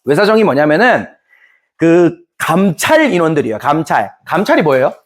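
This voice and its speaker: A man's voice: fairly high pitch, very animated, normal speed. A man teaching a history class in a playful, joking way, acting out scenes. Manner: playful, jokey, acts out scenes. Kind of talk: lively classroom lecture.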